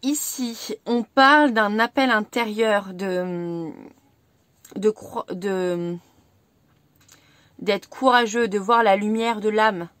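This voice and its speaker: A woman reading tarot cards for her viewers, in a gentle, reassuring way that repeats key advice. French is her first language. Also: medium pitch, slow pace, dry recording. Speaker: tarot reader.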